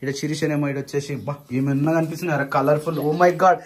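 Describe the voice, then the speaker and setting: A woman's voice: low-pitched, steady tone, quick pace, a little mellow. A woman vlogger, filming daily life at a village home and coaxing and scolding a small child. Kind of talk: casual home vlog.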